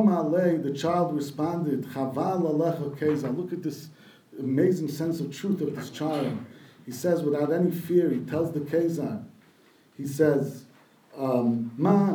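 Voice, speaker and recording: A man's voice: mid-range voice, mellow, reverberant, far from the mic, poor audio. A man giving a sermon, retelling a midrash and translating Hebrew quotes as he goes. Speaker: rabbi giving a talk.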